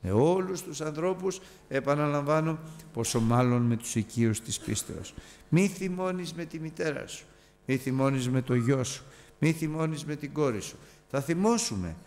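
A man delivers a Bible study sermon in a gravelly, fry-edged voice of middling pitch. He drives his points home through repetition and sudden hushed asides. A long reverb from a church hall trails every phrase. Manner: emphatic, repeating key phrases with sudden drops to near-quiet asides. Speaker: preacher.

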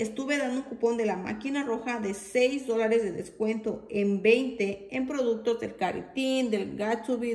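A woman's voice: on the high side, darkish tone, reverberant. A woman vlogger chatting casually as she goes over store deals and coupons, listing prices step by step. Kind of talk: casual haul walkthrough.

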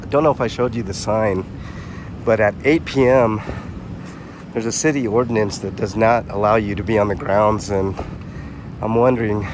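A man filming a casual walking vlog outdoors on a city sidewalk, rambling and chatting directly to his viewers on a handheld camera mic. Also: on the low side. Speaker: vlogger. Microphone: handheld camera mic while walking. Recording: street traffic noise behind. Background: traffic.

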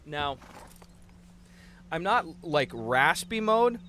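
A young adult livestream host speaks extremely slowly in a fairly high, pushed and bright voice with big pitch swings, and a little hiss or hum comes through. In his indoor streaming room he chats casually about gaming and reads viewer messages, sounding a bit tired while being slangy, jokey, profane and fond of "dude" and "bro".

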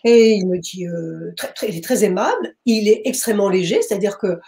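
A woman recounts a personal experience in an interview, pausing often to search for the right word. Her voice is warm and mellow, sitting in a middle range. She speaks hesitantly, with frequent restarts. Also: mid-range voice, expressive, gravelly. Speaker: author and medium. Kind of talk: interview storytelling. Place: bookshop.

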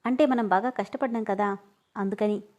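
A woman reading the part of a calm, matter-of-fact male boss in a storybook. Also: medium pitch, moderate pace, dull audio, close to an everyday voice.

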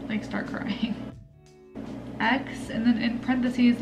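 A young woman vlogging from home as a college student, talking casually and swinging between stressed mumbles and excited chatter. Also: medium pitch, lo-fi sound, noisy background. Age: young adult. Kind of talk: casual vlog talk.

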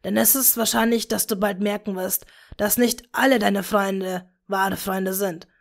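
A woman voicing a dark wizard father who speaks softly and in a measured way to his daughter. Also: medium pitch, fairly even intonation, vocal fry. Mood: gentle. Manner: soft, measured, gentle.

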